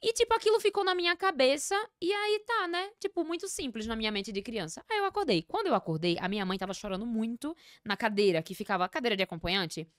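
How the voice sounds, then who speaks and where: A woman's voice: a little high, expressive, fast talker, few pauses, clear, resonant tone, no echo, studio quality. A Brazilian woman talking as a podcast guest, telling a personal story expressively, with lots of slang and fillers. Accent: Brazilian Portuguese. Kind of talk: casual chat, personal storytelling.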